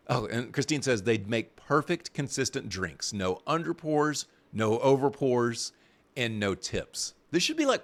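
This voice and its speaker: A man co-hosting a crypto news stream in a casual, rambling and self-deprecating way, with lots of fillers. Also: on the low side. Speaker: co-host of a crypto news show. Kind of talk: casual livestream chat.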